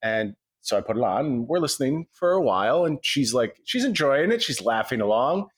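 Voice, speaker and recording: A man chatting casually as a podcast co-host, recorded on an old microphone in a cavernous, echoey wooden kitchen with high ceilings. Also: very animated, fairly quick, slightly rough.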